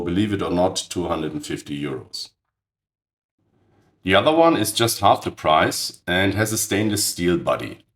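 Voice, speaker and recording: A channel host walks through a technical build precisely and matter-of-factly, handing out blunt verdicts plainly. A cold leaves his voice raspy and hoarse; it sits somewhat low in pitch, though a bit bright.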